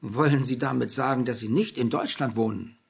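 A man's voice: medium pitch, brisk, creaky, husky. A man voicing an elderly, courteous and curious male bookseller who asks polite, probing questions.

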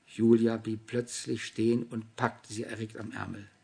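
Gravelly, husky male narrator. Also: fairly low pitch, flat delivery, moderate pace, warm tone. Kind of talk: audiobook narration.

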